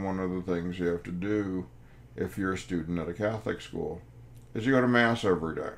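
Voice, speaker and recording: A man in his fifties, a professor telling a wry classroom anecdote in a lecture. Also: low voice. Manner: anecdotal, wry, acts out quoted voices. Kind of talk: storytelling lecture.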